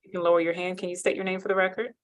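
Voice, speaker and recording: A woman judge with a low voice moves quickly through a court hearing, heard on a courtroom recording. She is brisk and formal and reads the set procedure by rote. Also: flat delivery.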